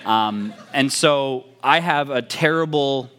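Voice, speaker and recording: A man's voice: mid-range voice, slow pace, fairly bright tone. A young man, a youth pastor, opening a sermon with a chatty, self-mocking story full of fillers.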